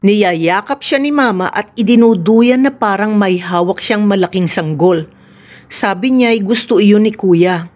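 A woman reading a children's picture book aloud in a gentle, expressive storytelling voice. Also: mid-range voice, measured pace. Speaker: storybook reader.

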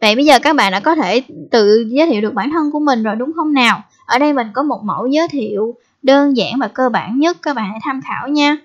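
Young female language teacher, patient slow drills, higher voice, slightly dull lo-fi sound. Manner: slow drilled repetition of example phrases. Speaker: Japanese teacher. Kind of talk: language lesson. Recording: dull lo-fi recording.

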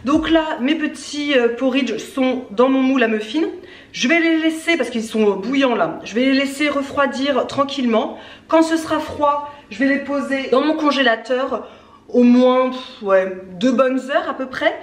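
A woman's voice: sits high, normal speed. A woman in her thirties in her home kitchen, chatting casually as she shows a breakfast recipe step by step, with many fillers. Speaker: cooking vlogger. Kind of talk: casual cooking demonstration. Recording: echoey kitchen with faint noise.

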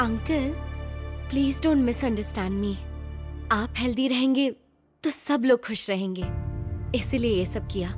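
An actress dubbing a lively, persuasive young woman in a film, coaxing and mixing in English words. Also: on the high side, slow, long pauses. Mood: cheerful. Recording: dubbed dialogue over loud film music.

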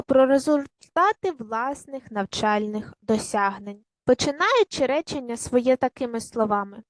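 A woman teaching young children in a video lesson, speaking slowly and clearly, asking questions and praising the answers. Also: on the high side, no room sound, rough recording. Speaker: primary school teacher.

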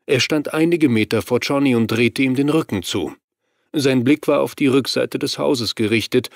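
A man narrates a horror audiobook in a steady, measured way, with a mid-range voice. He reads close to a studio microphone, and the sound is dry, with no room in it. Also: medium pitch, no echo. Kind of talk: scripted audiobook reading.

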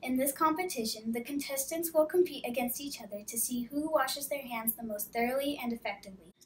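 A young girl hosts a homemade contest video in a classroom with a whiteboard, announcing cheerfully from a script with playful asides. Her voice sits high and comes a little fast. The camera records from off to the side, giving an echoey classroom sound with slight background noise and distance.

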